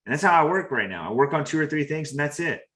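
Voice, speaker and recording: A man's voice: fairly high pitch, lively intonation, fast talker, a bit bright. A man hosting a motivational talk, speaking earnestly and repeating phrases for emphasis. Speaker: host.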